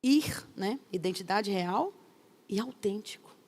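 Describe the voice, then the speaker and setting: A woman pastor, teaching a course in an emphatic, lively way with rhetorical questions. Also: mid-range voice, a little slow, breathy edge.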